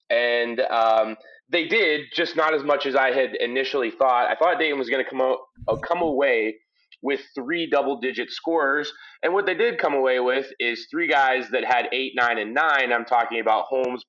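A man's voice: mid-range voice, a bit bright, muffled recording. A man hosting a conversational sports recap podcast in emphatic, folksy phrasing, recorded through headphones used as a mic. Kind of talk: conversational post-game recap. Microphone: headphones used as microphone.

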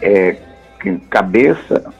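A man's voice: deep voice, expressive, slow pace, gravelly, husky, soft background music. A middle-aged man calls in over the phone, speaking formally and courteously. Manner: formal, courteous and full of praise. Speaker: caller, radio broadcaster. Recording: dull phone-line sound.

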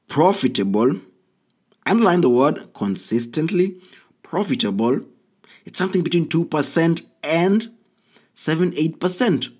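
A man with a medium-pitched, slightly mellow voice hosts a solo podcast, speaking casually and bluntly with lots of ums and uhs.

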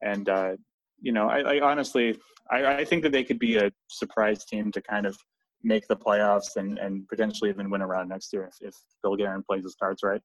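A man's voice: on the low side, fairly even intonation, fairly quick, dry recording, poor audio. A man talking hockey as a podcast guest, loose and chatty, full of fillers and restarts. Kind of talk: casual podcast chat.

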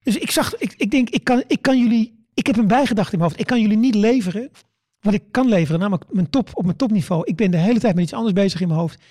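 A man's voice: high voice, fast talker, dark tone, no room sound, clean studio sound. A middle-aged man, a stand-up comedian, telling stories in casual chat, stammering and restarting and acting out what he said. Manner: stammering restarts, repeats words; acts out his own quoted words.

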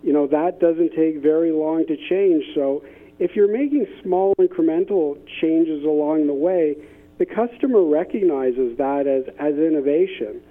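Unhurried and conversational, a business innovation consultant answers interview questions in a somewhat high voice. The band-limited, phone-like line sounds tinny, and his phrasing stops and doubles back on words.

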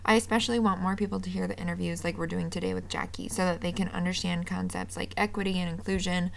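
A woman's voice: on the low side, lively intonation, fast talker, gravelly. A woman hosting a podcast in an upbeat, friendly manner, speaking straight to her listeners. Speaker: podcast host. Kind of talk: scripted podcast intro and sponsor read, then interview chat.

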